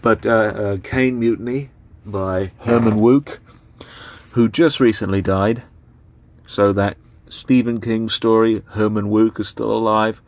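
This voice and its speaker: A man's voice: fairly low pitch, fairly even intonation, dry recording. A young man casually talking through books he is giving away, rambling with lots of fillers. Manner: rambling, filler-heavy, unhurried. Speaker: book vlogger. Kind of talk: casual spoken book review.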